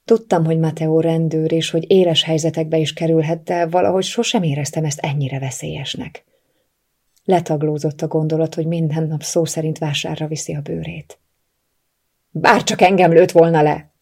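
A woman narrating a novel in the first person, calm and measured. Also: low-pitched, gravelly, breathy edge. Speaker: audiobook narrator.

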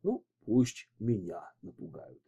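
Man reading as a calm confident detective, dry irony, mellow dark voice, husky, storybook audiobook. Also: lowish voice, takes it slowly, pitched below the performer's own voice, full character voice. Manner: calm, dryly ironic.

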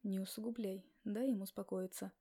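A woman voicing a calm, steady brother in an audiobook, speaking in a measured, soothing way. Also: medium pitch, slightly rough.

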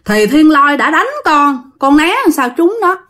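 A woman's voice: high-pitched, animated, moderate pace, fairly bright tone, pitched above the performer's own voice. A woman voicing a weeping ghost wife, Southern Vietnamese. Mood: pleading. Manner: tearful begging.

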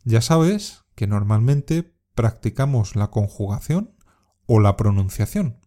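A man teaches a scripted language lesson, talking slowly and carefully. His voice is mellow and relaxed. He sets out each example so that learners can copy his intonation. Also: lowish voice. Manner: slow, careful, modelling intonation for repetition. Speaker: Spanish teacher.

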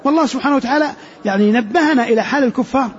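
A man teaching Quran commentary in a lesson, explaining slowly, repeating key phrases and asking rhetorical questions. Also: very high voice, slight background noise. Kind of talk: classroom commentary on scripture. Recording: dull lo-fi lecture recording.

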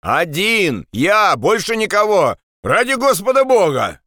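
A man voicing a desperate young male partisan messenger who shouts and pleads to be let through. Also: on the high side, very animated, a little slow, no echo, clean studio sound, voice pushed up, exaggerated voice. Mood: desperate shouting.

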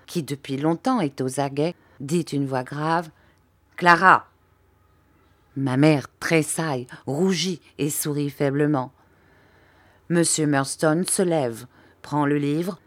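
Low-voiced woman narrating an audiobook. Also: darkish tone, no echo.

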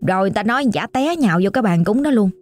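Southern Vietnamese woman storyteller, chatty and exclamatory, warm tone, faint music bed. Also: mid-range voice, lively intonation, racing. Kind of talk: casual oral storytelling.

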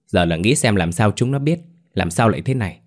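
A sharp-tongued, greedy wife snaps and scolds in a raised, shrill voice, as a low-voiced man puts her on. She speaks in a storybook ghost tale. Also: expressive, fairly quick. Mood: panicked.

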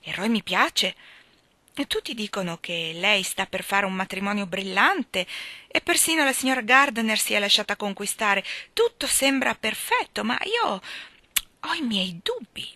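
A woman reading the part of a young female friend who speaks calmly and doubtfully. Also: mid-range voice, a little slow, no room sound, exaggerated voice. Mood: skeptical. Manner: calm, doubtful. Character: young woman, skeptical, cool-headed friend.

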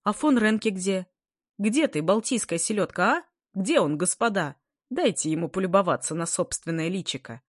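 A woman doing a gruff teasing schoolboy. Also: lively intonation, normal speed, no echo, clean studio sound, lightly acted. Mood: mocking. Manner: booming, mocking. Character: sullen boisterous teenage schoolboy, teasing.

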